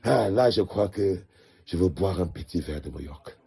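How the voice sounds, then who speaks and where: Husky man with a Cameroonian accent. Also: deep voice, expressive, normal speed, warm tone. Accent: Cameroonian French. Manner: emphatic repetition, fatherly teasing. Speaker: comedian addressing the national team. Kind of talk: comedic monologue.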